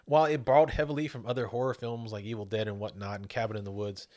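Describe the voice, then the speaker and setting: A man's voice: fairly low pitch, little pitch movement, fast, darkish tone, dry recording, studio quality. A man co-hosting a casual podcast movie review, recapping scenes in a rambling, profane way and laughing often. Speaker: podcast co-host.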